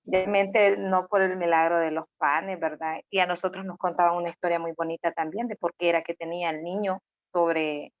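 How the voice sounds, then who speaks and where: A woman guest speaking slowly and reflectively, with fillers. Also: lowish voice, fairly even intonation, no room sound. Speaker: panel guest. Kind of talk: personal testimony. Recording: dry muffled lo-fi audio.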